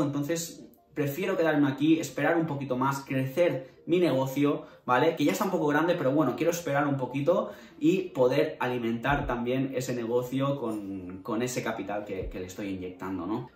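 A man's voice: medium pitch, normal speed, recorded from a distance. A man in his twenties from Spain talking casually to the camera in his bedroom, with many fillers and tag questions. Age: 20s. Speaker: vlogger. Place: bedroom indoors. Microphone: camera at desk distance. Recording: roomy bedroom, voice a bit off-mic, faint music.

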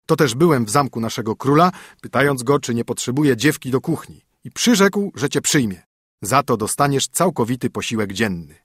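A man's voice: medium pitch, lively intonation, normal speed, husky, dry recording, clean studio sound. A man voicing a stern poor minstrel husband, a disguised king, speaking in a scolding, commanding way in a storybook reading.

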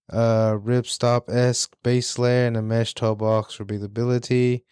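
Man, podcast co-host, smooth resonant voice, dry close mic, slangy joking delivery. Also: fairly low pitch, darkish tone, dry recording. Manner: loose, joking, slangy banter. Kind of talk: casual chat about sneakers.

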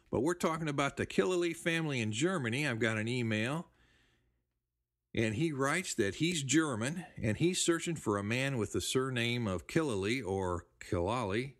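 A man hosting a genealogy show, chatting casually as he reads through listener emails, with relaxed, rambling speech. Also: mid-range voice. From United States. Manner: relaxed, rambling, with fillers and restarts. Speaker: podcast host. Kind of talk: casual talk reading listener mail.

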